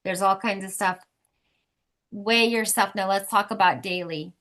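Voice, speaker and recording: A woman's voice: mid-range voice, a little slow, fairly bright tone. A woman leading a weekly support group, chatty and encouraging as she gives the members instructions over a video call. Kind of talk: casual group talk, instructing.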